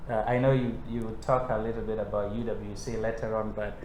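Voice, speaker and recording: A young man from South Sudan, a podcast guest talking in a measured, unhurried way with frequent pauses. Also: lowish voice, level tone, darkish tone, a little hiss or hum. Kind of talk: casual interview conversation. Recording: echoey room.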